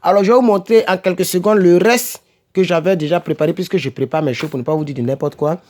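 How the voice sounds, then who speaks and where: A man's voice: high-pitched, fast talker, darkish tone. A man giving a casual home-made English vocabulary lesson, repeating words and checking in with "ok?" and "n'est-ce pas?", correcting himself as he goes. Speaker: English teacher for French speakers.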